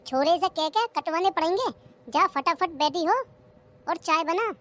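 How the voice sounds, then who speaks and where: A performer voicing a bossy, sharp-tongued old village mother-in-law in a cartoon comedy, nagging and taunting. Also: very high voice, unhurried. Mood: scolding. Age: older. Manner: nagging, taunting, complains about the old days.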